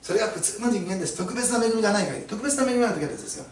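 A man's voice: sits high, lively intonation, racing. A male pastor preaching a sermon to his congregation, emphatic and fond of rhetorical questions, recorded in an echoey church hall from a distance. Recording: echoey room, mic at a distance.

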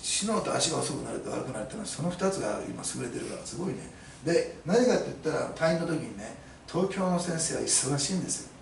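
A mid-range male voice with vocal fry preaches to a congregation, captured from afar in an echoing church hall over a little hiss or hum. He speaks emphatically and often poses rhetorical questions.

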